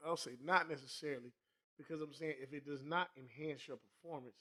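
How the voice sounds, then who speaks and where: A man co-hosting a podcast in casual chat, blunt, profane and animated. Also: on the high side, fairly quick. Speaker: podcast co-host.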